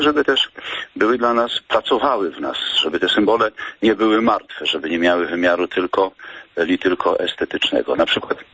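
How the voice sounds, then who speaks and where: Deep-voiced clergyman giving a halting radio reflection. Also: a bit bright, no room sound. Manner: measured, halting with frequent pauses and fillers. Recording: dull lo-fi radio sound.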